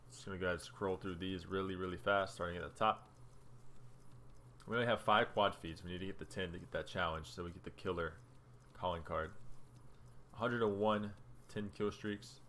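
A man's voice: sits low, fairly even intonation, normal speed, pauses often, sharp tone, a little hiss or hum. A young man casually talking through his game stats as a gaming video creator, chatty and loose while scrolling through menus. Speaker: gaming YouTuber. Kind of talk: casual gameplay commentary.

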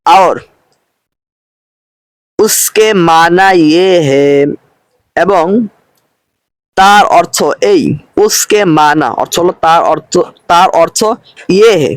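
High-voiced man teaching a patient lesson. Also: clean tone, no room sound. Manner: slow, patient explanation, repeating each phrase with its translation. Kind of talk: recorded lesson.

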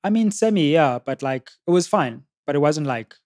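A young man hosting a casual studio interview, relaxed and encouraging, often dropping to a low murmur. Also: moderate pace, no echo. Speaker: interview host. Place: studio with sofas, indoors. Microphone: boom-arm podcast mic.

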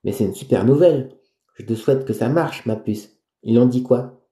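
A man voicing a young woman who talks warmly with her close friend. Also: mid-range voice, normal speed, natural voice. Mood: friendly. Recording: roomy echo.

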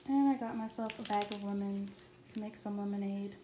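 Flat-voiced woman vlogger in an echoey kitchen. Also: medium pitch, normal speed. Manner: relaxed, matter-of-fact listing. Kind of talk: grocery haul voice-over. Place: home kitchen. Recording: echoey room with clear background noise.

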